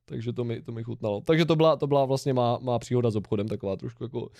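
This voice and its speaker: A man's voice: mid-range voice, steady tone, vocal fry, mellow, no room sound. Young man telling a rambling story, dry sound. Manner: rambling anecdote with laughs and restarts. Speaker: podcast co-host. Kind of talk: casual storytelling chat.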